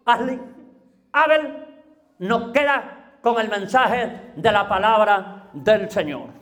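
A man's voice: high-pitched, expressive, takes it slowly, fairly bright tone. A man exhorts a congregation as pastor, emphatic and fervent, repeating phrases and punctuating them with praise. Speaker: pastor introducing a guest preacher. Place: village church. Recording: live church with congregation.

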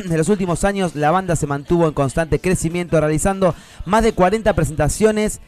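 A man's voice: high voice, brisk, darkish tone. A man hosting a casual radio chat about children's music, speaking Rioplatense Spanish, enthusiastic and full of fillers and restarts. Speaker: radio host.

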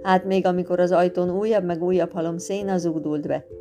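A woman narrating a storybook tale in a lively, expressive reading, with guitar music behind. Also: lowish voice.

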